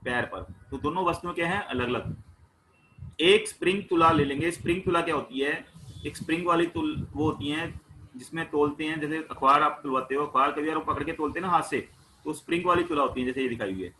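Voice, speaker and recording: Bright-voiced man teaching science. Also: fairly high pitch, quick pace, slight background noise, low-quality recording. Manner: asks questions and answers them himself; plain everyday explanations with household examples. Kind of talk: explaining a class 9 worksheet.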